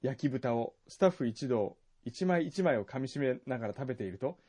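A man's voice: mid-range voice, fairly quick, breathy edge. A man hosting a radio podcast in a studio, chatting casually, reading notes aloud and exclaiming. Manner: animated, reads staff notes aloud, exclaims.

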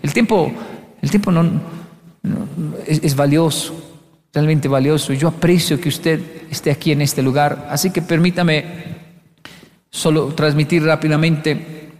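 Animated man in a hall. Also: on the high side, unhurried. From Latin America. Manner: animated storyteller acting out quotes. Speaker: speaker on leadership. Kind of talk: motivational talk. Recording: long hall reverb.

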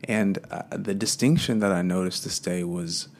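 A man's voice: low voice, normal speed, darkish tone, slight background noise. A man giving a casual, meandering spiritual talk, full of fillers and loose asides.

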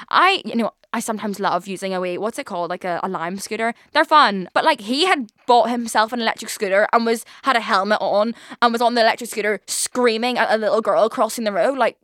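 A woman in her twenties hosts a casual solo podcast from a studio mic, rambling along with lots of fillers and swearing. She talks quickly with few pauses in a mid-range, slightly bright voice. There's no echo.

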